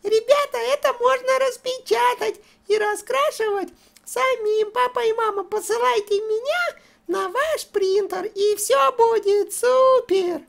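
Small cartoon toy train, childlike, naive, squeaky, extremely high pitch, slow pace. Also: female voice, creaky, full character voice. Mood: excited.

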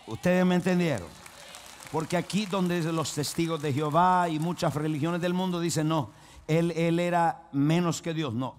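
A man's voice: fairly high pitch, darkish tone. A man preaching a sermon as pastor, emphatic and repetitive, often calling on the congregation to repeat phrases and say amen. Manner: emphatic, with frequent restarts and repetition.

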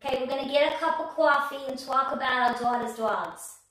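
A woman's voice: sits high, fairly even intonation, moderate pace, a little mellow, natural voice. Woman putting on a mock 1950s New Yorker. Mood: playful. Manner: mock New York accent, playful. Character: 1950s New York woman chatting over coffee. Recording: echoey room, far from mic.

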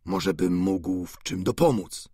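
A man reading an audiobook, voicing an aging, doting father who talks in a husky, pleading way. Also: mellow, no echo, studio quality, heavily acted. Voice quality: husky, slow and low.

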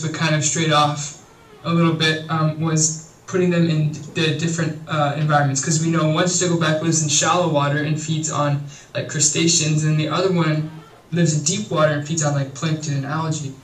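A male teaching assistant gives friendly feedback in a slightly high, flat voice, pausing with frequent fillers. He sounds distant and echoey. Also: slight background noise. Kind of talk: video feedback.

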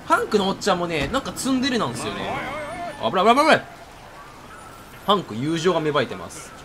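A man's voice: high voice, very animated, quick pace, background noise. A man with a Kansai Japanese accent giving jumpy let's-play commentary, talking to the game character and breaking into outbursts. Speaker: gamer. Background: game music.

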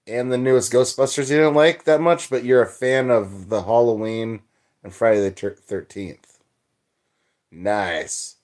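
A man's voice: medium pitch, darkish tone. A young man hosting a livestream, chatting casually and reading out viewer comments in a loose, rambling way. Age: young adult. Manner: rambling, loose, filler-heavy chat. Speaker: livestream host.

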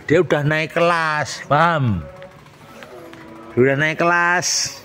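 Slow, gentle man coaxing a child. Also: fairly high pitch, over music. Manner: gentle, coaxing, asks questions. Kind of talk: casual chat with a child.

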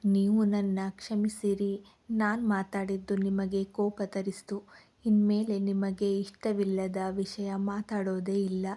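A woman's voice: mid-range voice, mellow. Woman doing a tearful pleading young wife.

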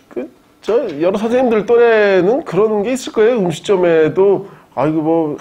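A man lecturing on philosophy to a live audience, his voice sitting a bit high for a man. The tone is husky rather than clean. He talks in a lively, joking way, laughing along with his own stories. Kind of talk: university-style public lecture.

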